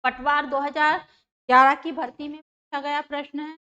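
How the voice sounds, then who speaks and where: A woman's voice: high-pitched, little pitch movement, normal speed, pushed and bright, lo-fi sound. A woman teacher giving an exam-prep grammar lesson, explaining step by step, repeating terms and putting questions to her students.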